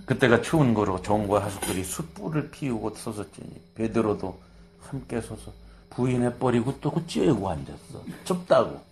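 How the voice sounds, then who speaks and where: Speaking in a lowish voice at a normal pace, a male pastor preaches over slight background noise. His take on scripture is animated and conversational, full of asides, and he performs the lines he quotes.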